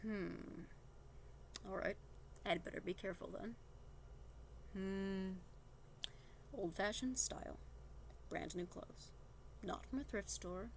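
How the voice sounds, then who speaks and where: A woman voicing a shy but self-assured nerdy teenage boy in a read-aloud novel, speaking in a calm, measured way. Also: medium pitch, vocal fry, slight background noise. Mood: confident.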